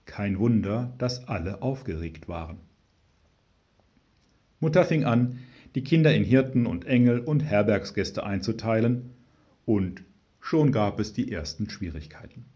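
A man narrating a story in a calm reading voice, with dry humor. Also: on the low side, unhurried. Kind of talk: scripted narration.

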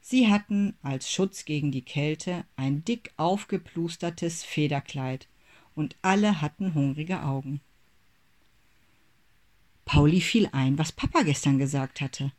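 A narrator reading a children's Christmas story aloud in a measured, expressive way. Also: medium pitch.

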